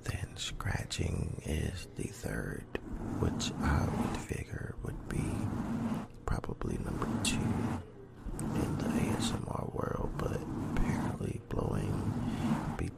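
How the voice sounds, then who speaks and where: A man speaking soft ASMR in a rough, deep, hushed voice that slips into whispering, slow and halting. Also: sing-song. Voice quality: deep, rough, breathy low voice. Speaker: ASMR video creator.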